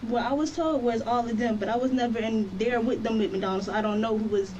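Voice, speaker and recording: A woman's voice: a little high, fairly even intonation, fast talker, a little mellow. An eighteen-year-old woman being questioned by police, answering defensively and repeating herself. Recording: muffled distant interview-room audio with faint noise.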